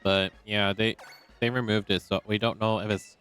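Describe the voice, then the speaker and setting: A young man in a relaxed, rambling style, commenting casually as he streams a game and talking to himself with many fillers. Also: on the low side, moderate pace, clear, resonant tone, faint music behind.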